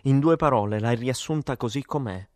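A man's voice: medium pitch, normal speed, no room sound, studio quality, lightly acted. A man voicing a weary, exasperated woman who sells vitamins, swearing and emphatic, in an audiobook. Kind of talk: audiobook character voice.

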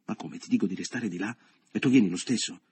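A man reading an audiobook, voicing a brutal middle-aged man who barely holds back his fury and talks loudly and scornfully. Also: fairly low pitch, quick pace, slightly rough. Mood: furious. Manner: forceful, loud, scornful. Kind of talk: audiobook character voice.

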